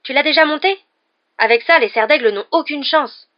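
A woman reading a story aloud, voicing an excitable, loud teenage boy wizard who talks in rapid eager questions. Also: fairly high pitch, dull audio, pitched above the performer's own voice, close to an everyday voice.

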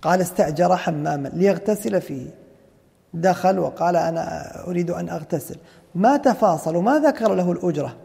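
Gravelly-voiced man lecturing in a hall. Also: high voice, animated, brisk, mellow. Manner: explanatory, asks and answers his own questions. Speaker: Islamic jurisprudence teacher. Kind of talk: explaining a fiqh text in a lecture.

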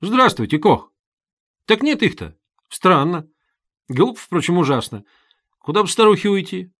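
A man's voice: high-pitched, measured pace, dry recording, studio quality, pitched above the performer's own voice, exaggerated voice. Man doing a ringing, eager young man. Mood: eager urgent. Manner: ringing, lively, urgent. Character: eager, sharp young man, quick-witted.

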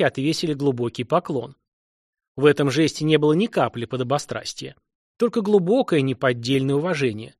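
A man's voice: medium pitch, no echo. Man narrating an audiobook, dry close sound. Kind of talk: scripted narration.

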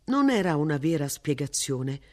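A woman narrating a literary audiobook with an expressive, animated delivery. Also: low-pitched, moderate pace. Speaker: audiobook reader.

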